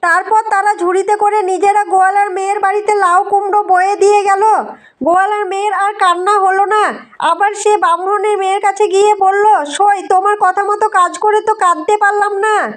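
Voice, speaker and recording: A woman reading a devotional folk tale aloud in a steady recitation, voicing the characters' lines within the narration. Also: very high voice, moderate pace. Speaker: storyteller.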